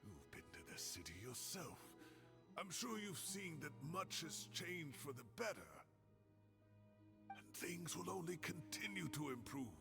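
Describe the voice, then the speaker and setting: Slow, creaky-voiced wise elder. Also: male voice, fairly high pitch, sing-song, exaggerated voice. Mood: hopeful, earnest. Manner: measured, earnest. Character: grave, wise older male advisor, concerned and principled. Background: music.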